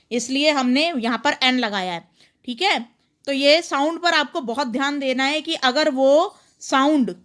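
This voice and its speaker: A woman teacher, patiently explaining worksheet answers step by step and reading sentences slowly. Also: on the high side, a bit bright. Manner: patient, explains each example step by step, reads English slowly.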